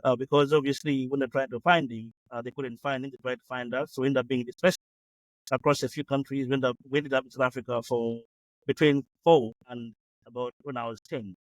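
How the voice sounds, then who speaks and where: Man, late 40s, from Uganda, interview guest, rapid speech, hesitant with fillers, dry close sound. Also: medium pitch, fairly even intonation, no echo, poor audio. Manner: hesitant, many fillers and restarts. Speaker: guest entrepreneur. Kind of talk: conversational interview.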